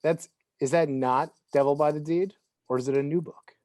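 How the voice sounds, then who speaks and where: A man's voice: fairly high pitch, steady tone, normal speed, a little mellow. A man co-hosting a comic book podcast, chatting casually and enthusiastically, with some swearing. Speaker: podcast co-host.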